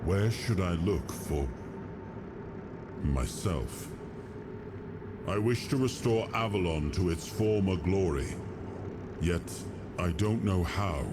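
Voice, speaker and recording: An actor playing the weary spirit of a fallen king in a video game, noble and solemn, speaking in measured, regal phrases. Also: low voice, lively intonation, noisy background. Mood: humble, searching. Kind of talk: dramatic video game acting.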